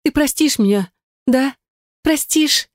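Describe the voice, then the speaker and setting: A woman reading an excitable, gushing sister-in-law in a shrill, high voice. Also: fairly quick, dry recording, clean studio sound, close to an everyday voice. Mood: pleading.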